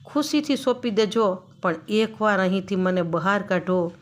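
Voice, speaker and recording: A woman's voice: medium pitch, normal speed, natural voice. Woman doing a pleading starving village lad. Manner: pleading and begging. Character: desperate starving village young man, pleading.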